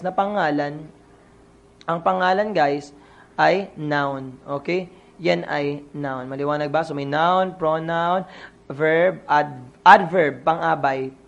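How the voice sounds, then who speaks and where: Male teacher, Filipino accent, gravelly, exam review lecture, mixes English in, asks and answers his own questions. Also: on the high side, highs cut off.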